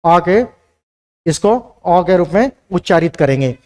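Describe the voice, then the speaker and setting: A man's voice: high voice, expressive, a little slow, a little mellow. A man teaching a Hindi language lesson, who asks questions and answers them himself and repeats key lines. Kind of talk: classroom lecture.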